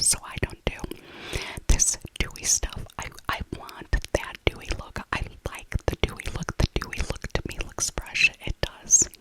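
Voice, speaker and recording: A middle-aged woman who creates ASMR videos narrates a shopping voiceover in a breathy whisper, rambling and softly repeating her phrases. The audio quality is poor.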